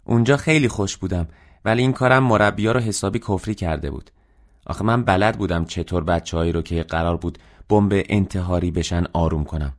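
A man voicing a cheerful, carefree young boy telling his story in an audiobook. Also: low-pitched. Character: cheerful boy back home, carefree and open.

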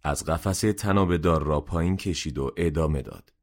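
Very deep-voiced male narrator. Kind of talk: scripted audiobook narration.

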